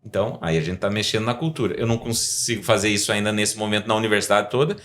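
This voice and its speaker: Brazilian professor explaining at length. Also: male voice, fairly low pitch, fast, a bit bright. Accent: Brazilian Portuguese. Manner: explanatory, rambling, frequent tag questions. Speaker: guest scientist and professor. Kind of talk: podcast interview.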